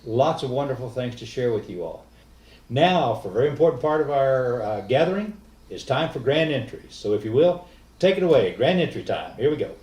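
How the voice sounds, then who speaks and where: A man's voice: mid-range voice, lively intonation, fairly quick, a little mellow. A man hosting a powwow, welcoming viewers informally in a folksy emcee style. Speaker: host of a virtual powwow. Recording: echoey, distant mic, faint noise.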